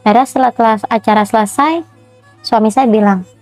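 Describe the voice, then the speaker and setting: A woman's voice: a little high, fairly quick, soft background music. A woman giving an emotional personal testimony, acting out the dialogue of others as she tells her story. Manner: animated retelling with acted dialogue.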